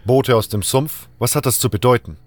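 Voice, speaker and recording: A stern male gate guard who questions a visitor with stubborn, distrustful doubt, as a man puts him on. He speaks at about the narrator's normal pitch, and his manner is firm and unyielding. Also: fairly quick, a little mellow, soft background music, natural voice. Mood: suspicious. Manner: suspicious, stern.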